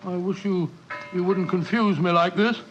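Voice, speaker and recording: An actor playing a loyal, anxious English doctor in a 1940s radio drama, with a British accent and a flustered, blustery way of talking. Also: male voice, sits high, steady tone, normal speed, lightly acted. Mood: indignant, flustered. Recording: muffled old radio broadcast, music behind.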